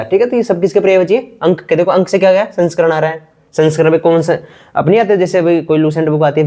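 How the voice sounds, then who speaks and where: A man runs an exam prep grammar lesson, his voice sitting a little high. He talks quickly and casually, calling students brother. He repeats each word and asks and answers his own questions aloud. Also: a little mellow. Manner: repetitive, quizzing himself aloud; casual, addresses students as bhai. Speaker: teacher.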